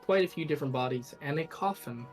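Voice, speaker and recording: A man running a tabletop game as game master, describing scenes in a relaxed way with fillers. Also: fairly high pitch, fast, soft background music.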